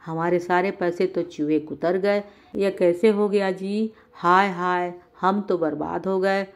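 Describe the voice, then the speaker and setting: A woman voicing a greedy village wife who wails and laments in high, loud cries. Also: fairly even intonation, slow. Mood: alarmed, wailing.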